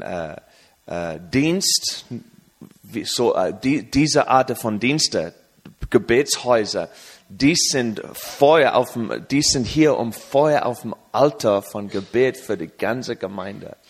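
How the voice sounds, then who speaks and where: English man preaching, slow and halting. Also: medium pitch, lively intonation. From England. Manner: hesitant in German, with many fillers and restarts; rises to an emphatic, raised preaching voice in English. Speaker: guest preacher. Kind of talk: sermon with live interpreter.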